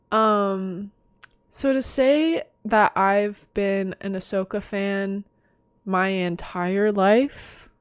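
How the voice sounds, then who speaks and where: Young woman vlogging a quiz, kinda tired, giggly, slow talker, dry sound. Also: mid-range voice, clean tone, no echo. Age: young adult. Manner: giggly, self-mocking. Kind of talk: casual chat doing a quiz.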